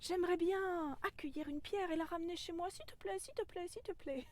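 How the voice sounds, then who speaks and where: A woman's voice: very high-pitched, brisk, pitched above the performer's own voice. A woman voicing her own greedy, childlike inner ego, which wheedles and begs for something it wants. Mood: greedy pleading. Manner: wheedling, whiny begging.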